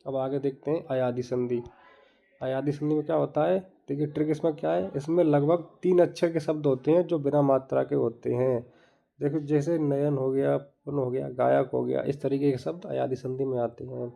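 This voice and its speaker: In this exam-prep grammar lesson, a man explains things step by step, repeating every term and telling the viewer to look. His voice is mid-range and dark with vocal fry, fairly flat in pitch, and he talks at a normal speed.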